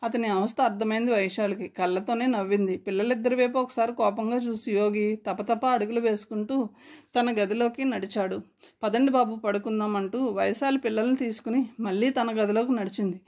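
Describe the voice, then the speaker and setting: A woman narrating a novel chapter aloud in a steady storytelling voice. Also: fairly high pitch, fairly quick. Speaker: audiobook narrator.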